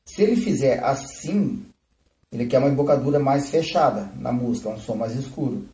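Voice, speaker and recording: A man's voice: medium pitch, lively intonation, moderate pace, warm tone. A man giving a live flute lesson, explaining techniques and often checking in with "né?" and "tá?". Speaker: flute teacher. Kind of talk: live-streamed music lesson. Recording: roomy, from a distance.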